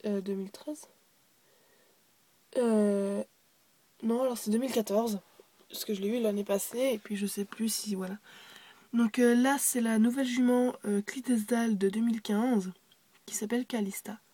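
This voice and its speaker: A woman's voice: fairly high pitch, fairly even intonation, normal speed, pauses often, warm tone, dry recording. A young girl showing her toy horse ranch in a casual show-and-tell, full of fillers, self-corrections and whispered asides.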